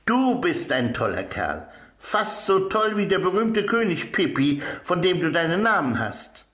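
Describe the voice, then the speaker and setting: A man's voice: medium pitch, big pitch swings, a little slow, fairly bright tone, roomy sound. A man voicing a kindly, enthusiastic scribe in a children's audiobook, speaking in a friendly way.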